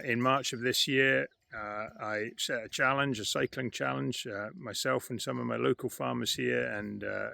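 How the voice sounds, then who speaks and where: A man who farms and once played rugby, introducing himself and a charity cycling challenge, with frequent hesitant pauses. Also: medium pitch, gravelly, pushed and bright, no echo. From Scotland. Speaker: farmer and former rugby player. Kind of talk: personal introduction to camera.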